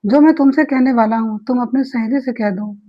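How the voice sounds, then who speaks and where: A woman voicing a calm, reassuring young man in a read-aloud story, reasoning steadily. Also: a little high, a little fast, muffled recording, close to an everyday voice.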